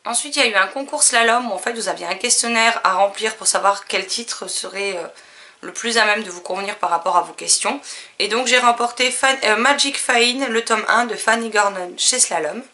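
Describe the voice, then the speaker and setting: A woman casually listing her new books, chatty and relaxed, with frequent fillers. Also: medium pitch, fairly quick. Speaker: book vlogger. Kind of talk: casual book haul chat.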